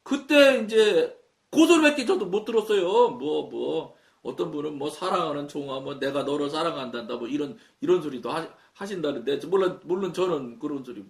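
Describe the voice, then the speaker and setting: Lively high-voiced Korean preacher, echoey. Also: male voice, moderate pace, vocal fry. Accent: Chungcheong Korean. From Chungcheong, Korea. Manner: storytelling, acting out dialogue. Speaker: pastor. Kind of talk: sermon talk. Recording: echoey room, mic at a distance.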